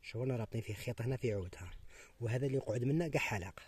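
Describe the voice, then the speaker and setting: A man with an Algerian Arabic accent demonstrates a hunting method outdoors, step by step. He talks straight to his viewers and often drops into a hushed whisper. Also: medium pitch, rapid-fire, husky. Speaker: hunting tutorial host.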